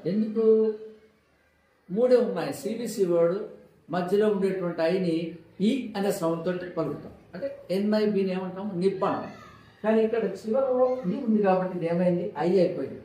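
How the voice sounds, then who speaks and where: A man's voice: sits high, brisk, dark tone. A man teaching a phonics lesson in a classroom style, who asks questions and then answers them himself, drilling the words over and over. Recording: very echoey room.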